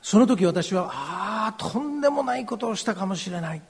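Husky high-voiced pastor in a reverberant hall. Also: male voice, lively intonation. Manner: slow, earnest, confessional delivery. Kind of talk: personal testimony sermon.

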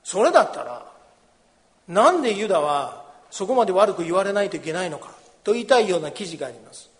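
A fairly high-pitched man preaching a sermon, a pastor who reads from the Bible and then explains it in a gentle, conversational way. His voice carries a long reverb, as if recorded in a large church sanctuary. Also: very animated, brisk.

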